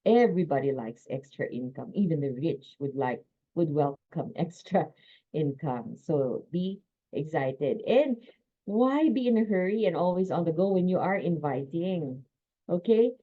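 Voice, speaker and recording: A woman with a low-sitting voice gives an energetic, emphatic sales training lecture on a video call. Quick laughs break up her points, and the call audio comes through a bit dull and muffled.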